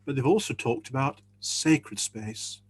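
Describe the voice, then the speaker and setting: A man's voice: medium pitch, a little slow, husky. A man speaking earnestly as a church leader in a panel discussion over a video call, often repeating words as he thinks.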